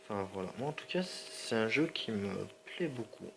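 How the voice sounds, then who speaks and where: This gaming channel host's low, gravelly voice carries lively intonation at a moderate pace, despite a slightly sore throat and stuffy nose. His casual commentary drifts into slangy tangents and constant apologies to viewers, captured on a rough recording with a faint ambient hum.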